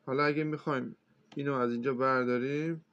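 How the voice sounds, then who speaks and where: A man giving a casual, step-by-step phone tutorial as a computer instructor, talking in a relaxed, hesitant way with many filler sounds. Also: mid-range voice. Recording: slightly dull lo-fi sound.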